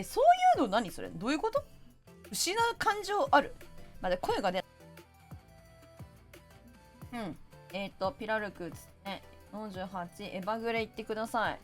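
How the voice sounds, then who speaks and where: A woman streamer chatting casually while gaming and reading viewer comments, in a playful, animated way. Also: a little high, faint music behind. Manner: animated, playful, quick to laugh and mimic others.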